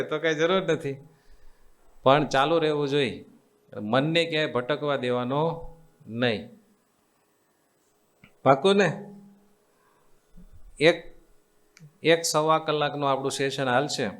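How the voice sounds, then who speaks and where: A man with a Gujarati accent giving a devotional sermon as a swami, teaching in a coaxing, repetitive way and quizzing his listeners with call-and-response questions. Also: on the high side. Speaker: swami giving a religious discourse. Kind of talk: devotional sermon to a live assembly.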